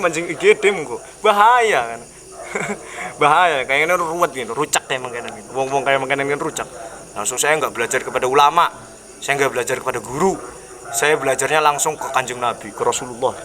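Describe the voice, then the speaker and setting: A man's voice: on the high side, a little fast, sharp tone. A man with a Javanese accent preaching at an evening religious study gathering, joking with the audience and mixing in local dialect before leading a chanted Arabic prayer. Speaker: Islamic preacher.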